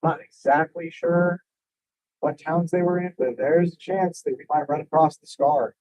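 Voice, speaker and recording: A man giving casual live commentary as a storm chaser, in an offhand but excitable way, over a phone stream. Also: fairly high pitch, moderate pace, no room sound. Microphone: phone livestream. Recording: muffled, lo-fi mobile livestream.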